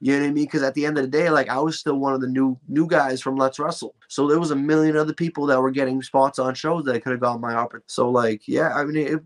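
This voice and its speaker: A man's voice: mid-range voice, fairly even intonation, fast, hardly any pauses. A young man, a wrestler being interviewed, talking casually and rambling, with many fillers and asides. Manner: rambling, full of "like" and "you know what I mean". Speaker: professional wrestler guest.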